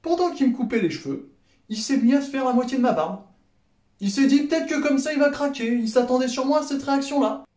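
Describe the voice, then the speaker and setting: Animated young Frenchman in an echoey room. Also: very high-pitched, fast talker. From France. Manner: sarcastic, animated, acts out dialogue. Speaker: comedy vlogger. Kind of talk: comedic storytelling monologue.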